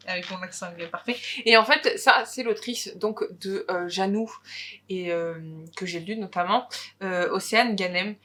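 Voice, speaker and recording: A woman's voice: mid-range voice, unhurried, fairly bright tone. A woman co-hosting a book video, chatting casually about new releases with many hesitations.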